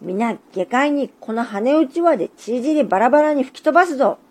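A woman voicing a huge male tengu chief who shouts threats with a thundering voice in a children's story. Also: expressive, a little fast. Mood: threatening. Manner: booming and menacing.

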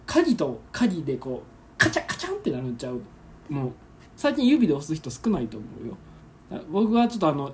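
A man's voice: fairly high pitch, darkish tone. A man with a Kansai accent hosting a casual solo radio chat, reading listener letters and acting out awkward moments with lots of laughter. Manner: chatty, laughing often, acts out awkward moments. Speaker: podcast host. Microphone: phone, streaming live while recording.

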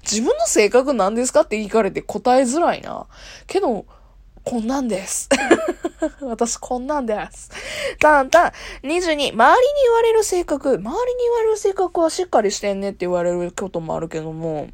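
A woman's voice: fairly high pitch, big pitch swings, moderate pace, no echo. A young woman with a Kansai accent, talking frankly and laughing often as she introduces herself in a solo talk show. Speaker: radio talk host.

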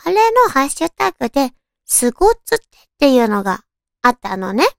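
A woman with a cute, girlish anime-like voice, chatting casually on her own as a radio talk host, with softly drawn-out phrasing. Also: high-pitched, very animated, gravelly, no room sound, clean studio sound. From Tochigi, Japan. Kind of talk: casual solo chat.

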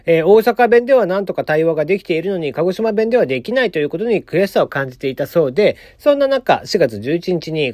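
Lively chatty man on a solo podcast. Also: sits high, dry recording, clean studio sound. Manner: chatty, many "uh" fillers, wry asides, chuckles at his own jokes. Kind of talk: casual solo talk reading out and commenting on a news item.

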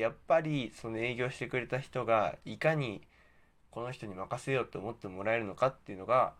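A man hosting a casual solo radio talk, rambling and correcting himself, with slightly slurred articulation from wearing a mouthguard. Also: medium pitch. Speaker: podcast host.

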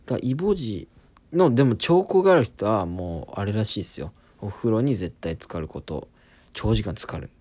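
A lowish, darkish, slightly rough male voice. He's a comedian in his twenties hosting a podcast, telling an embarrassing story in a casual, self-deprecating comic monologue.

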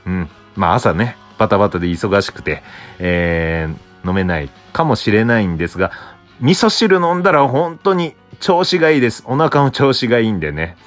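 Young guy from hokkaido rambling on his solo podcast, low voice that swings up and down a lot, faint music underneath. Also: big pitch swings, moderate pace. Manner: rambling, self-answering with frequent soft "un" fillers. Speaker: podcast host. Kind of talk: solo casual talk.

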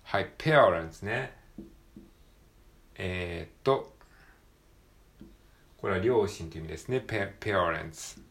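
A Japanese man explaining English pronunciation in a solo study podcast. He talks in a polite, explanatory way with many "えー" fillers and drills each word slowly, over and over. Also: low voice, gravelly, reverberant. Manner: slow, careful, repeats words many times to drill sounds.

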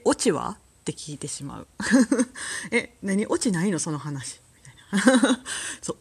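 Woman, Kansai accent, casual solo podcast chat, lively swooping pitch, low voice. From Kansai, Japan. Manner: relaxed and rambling, often laughing.

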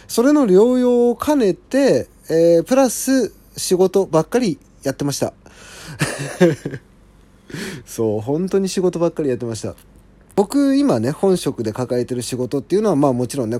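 Hosting a casual show on his own, a man with a mid-range, soft-edged, mellow voice updates his listeners. His intonation rises and falls in a very lively way, and he stays polite, apologetic and conversational, often pausing for agreeing asides to himself.

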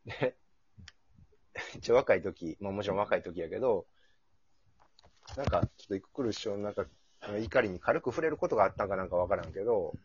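A man with a Kansai accent chatting casually and telling anecdotes in an animated way, acting out quoted lines. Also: lowish voice, brisk, pauses often, lo-fi sound, a little hiss or hum.

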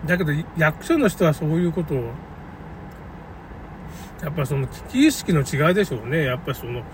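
A man with a slightly high voice talks in a loose, conversational monologue, opinionated and rambling. His intonation rises and falls widely. He sounds some way from the microphone, with clear vehicle and street noise around him. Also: very animated, brisk. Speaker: commentator recounting a local flood. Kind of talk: casual unscripted monologue. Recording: noisy, distant mic, car and outdoor ambience.

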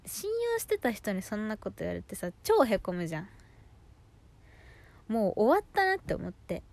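A twentysomething woman hosts her own audio diary, chatting in a slangy gyaru, valley-girl way. She vents and tells stories with animated exasperation in a creaky, mid-range voice at an ordinary speed.

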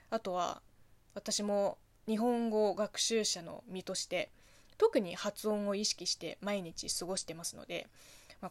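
A woman from China speaking Japanese with a Chinese accent, hosting a solo radio talk show, reading listener letters and answering them in a chatty, animated way full of fillers. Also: mid-range voice, no room sound. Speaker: host.

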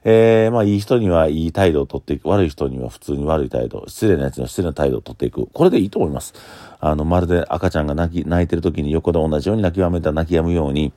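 Kansai bar owner, man, very low and fast, blunt solo talk, dry close recording. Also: animated, warm tone, no echo. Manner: blunt, opinionated.

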